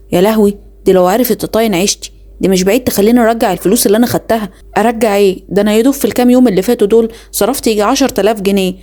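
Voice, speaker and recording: A young woman with an Egyptian accent tells a first-person story at a very rapid pace. Her voice is dark and mellow, and her delivery is confiding and dramatic, like an inner monologue. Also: medium pitch. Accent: Egyptian Arabic.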